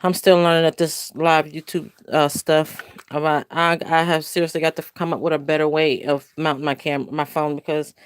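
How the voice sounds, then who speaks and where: A woman's voice: low-pitched, little pitch movement, moderate pace, few pauses, clean tone, no echo. An older woman hosting a casual crafting livestream from home, chatting in a rambling, self-correcting way. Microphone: phone camera.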